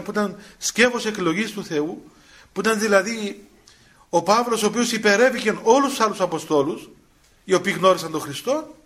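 A man's voice: sits high, fairly bright tone. An older man with a Cypriot Greek accent, a priest giving a spiritual talk and telling a personal story in a chatty, colloquial way with small chuckles. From Cyprus.

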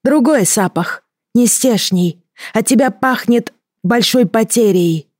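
A woman doing a high gurgling water creature. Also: darkish tone, dry recording, clean studio sound. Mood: curious. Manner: odd, halting speech with mispronounced words. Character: small bony male water creature, bubbling, strange. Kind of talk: audiobook character voice.

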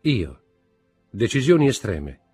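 A man voicing a desperate, furious young man who shouts reproachful outbursts, with a husky voice. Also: fairly low pitch, big pitch swings, takes it slowly, faint music behind, voice pushed up, heavily acted. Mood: tense.

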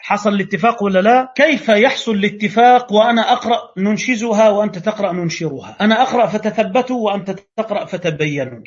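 Fast-talking Egyptian man, husky voice. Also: high voice, dull audio. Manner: animated, mixes classical and colloquial Arabic, role-plays debates. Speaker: Quran recitation teacher. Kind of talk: online lecture. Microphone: video call.

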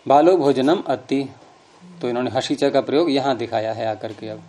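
A man's voice: medium pitch, normal speed, warm tone. A middle-aged man teaching a grammar class, explaining patiently and quizzing his students. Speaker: Sanskrit teacher.

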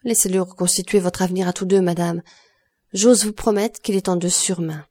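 A woman's voice: lowish voice, fairly even intonation, a little fast, mellow, close to an everyday voice. A woman voicing a grave, consoling nobleman. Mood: solemn.

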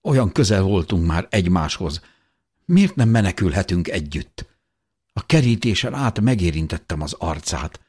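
A man reading a novel aloud in the first person, in a measured and somber way. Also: low voice, big pitch swings, a little mellow, breathy edge. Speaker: audiobook narrator.

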